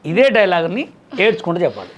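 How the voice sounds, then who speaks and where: A man hosting a casual interview, coaxing and directing his guest with brisk prompts. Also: high voice, wildly swooping pitch, highs cut off. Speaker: interviewer host.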